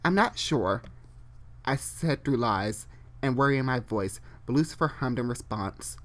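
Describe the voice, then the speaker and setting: Speaking in a mid-range, expressive voice with a fairly bright tone, an online storyteller reads fan fiction live. The reading stops and starts as they repeat and fix phrases, pausing for relaxed, informal remarks.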